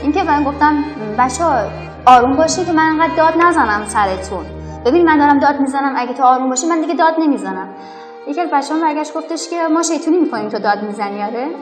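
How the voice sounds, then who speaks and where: A woman's voice: high voice, expressive. A young woman from Afghanistan, a schoolteacher, talking earnestly and reflectively in a documentary interview. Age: young adult. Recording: roomy echo with violin music over it.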